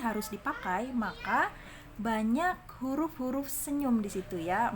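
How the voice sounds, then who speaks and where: A woman's voice: fairly high pitch, fairly bright tone, slight background noise. A woman with an Indonesian accent teaching conversational Arabic in a casual spoken lesson. She tags her sentences with "ya". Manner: frequent "ya" tags, demonstrates phrases in a raised voice.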